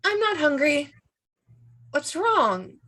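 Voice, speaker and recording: A woman's voice: high-pitched, big pitch swings, takes it slowly, pushed and bright, exaggerated voice. A woman playing a scientist's anxious, evasive female creation in a script read-through, pleading and defensive. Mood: nervous, defensive.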